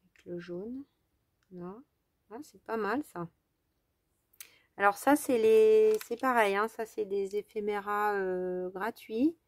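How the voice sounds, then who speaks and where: In a medium-pitched, darkish voice with no room sound, a French-accented crafting vlogger from France talks slowly and pauses a lot. She addresses her viewers directly in this casual craft-along chat, hesitating frequently and thinking aloud with many fillers.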